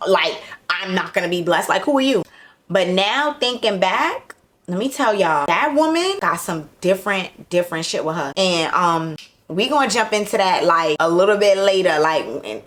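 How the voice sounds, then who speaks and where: A woman in her thirties tells a story in a casual, sassy way, piling on fillers. Her voice sits fairly low for a woman. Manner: sassy, animated, lots of fillers. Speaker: vlogger.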